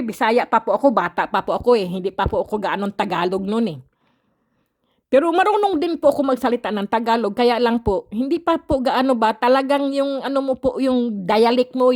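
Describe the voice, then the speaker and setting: An older woman from the Philippines, vlogging and telling her viewers a story casually, in a frank, polite and chatty way, laughing often. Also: on the high side. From Philippines, raised partly in Mindanao.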